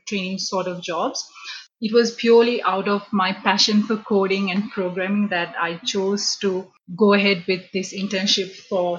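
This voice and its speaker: A woman from Sri Lanka talks through her working life as an interview guest, pausing on fillers and restarting sentences as she thinks. The sound is a little dull, with a faint hiss underneath. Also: medium pitch, fairly bright tone. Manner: thoughtful, many fillers and restarts. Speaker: interview guest, business analyst. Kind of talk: conversational interview answers.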